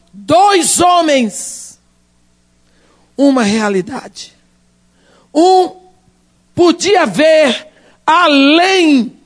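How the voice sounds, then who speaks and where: A man preaching a sermon, swinging dramatically between shouts and hushed asides. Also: very high-pitched.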